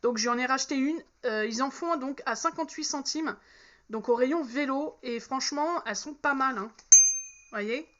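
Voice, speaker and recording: Here a thirtysomething woman vlogs about her shopping haul in a high, fairly bright voice at normal speed. She hesitates often, correcting herself and filling gaps as she chats. Faint background noise and a slightly dull sound color the recording.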